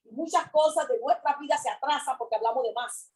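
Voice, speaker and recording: High-voiced fervent woman preaching. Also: brisk, low-quality recording. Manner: fervent, repeats phrases, swings from loud to hushed. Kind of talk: sermon.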